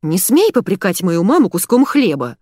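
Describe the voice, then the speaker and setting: A woman reading an audiobook, voicing an excitable, shrill wife who nags and fusses emotionally. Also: normal speed, no echo, studio quality. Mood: indignant. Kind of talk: audiobook character voice.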